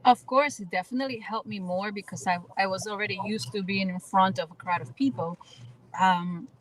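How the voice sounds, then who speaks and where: On a poor recording with a little hiss or hum, a mid-range female voice speaks fairly quickly in Dominican-accented speech, Spanish being her first language. She is a guest actress and spoken word artist from the Dominican Republic, reflecting earnestly in a radio interview and often repeating words while she finds her phrasing.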